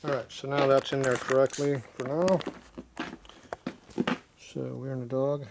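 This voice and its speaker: A man's voice: medium pitch, level tone, unhurried, gravelly, very noisy. A man working on a transmission in a workshop, thinking aloud in a matter-of-fact, muttering way. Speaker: mechanic.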